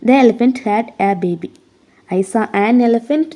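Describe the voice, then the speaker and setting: A woman with a Tamil accent teaching an exam prep lesson, reading English questions slowly and explaining them in quick Tamil. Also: on the high side, lively intonation, mellow.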